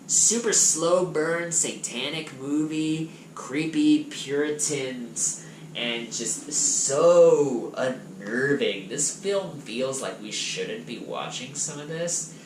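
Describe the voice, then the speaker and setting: A man chatting casually and enthusiastically as he reviews movies from his collection on a vlog, his loudness swinging up and down. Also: a little high, lively intonation, takes it slowly. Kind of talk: casual chat. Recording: echoey room with background noise.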